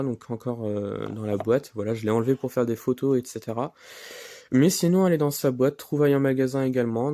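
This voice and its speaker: A man presenting his new model cars in a casual vlog, halting and filling pauses often. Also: mid-range voice, dark tone, no echo. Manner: halting, many fillers and "voilà". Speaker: diecast collector vlogger. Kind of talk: casual show-and-tell vlog.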